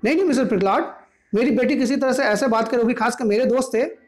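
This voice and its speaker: A male teacher voicing a stern, domineering mother who scolds her family in a sharp, raised voice. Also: fairly high pitch, a little fast, natural voice. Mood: scolding.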